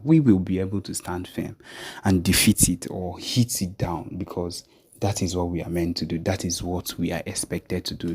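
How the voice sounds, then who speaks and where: A man's voice: low-pitched, darkish tone, slightly rough. A man with a Nigerian accent giving an impassioned political talk, emphatically repeating phrases with conviction. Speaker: political activist commentator.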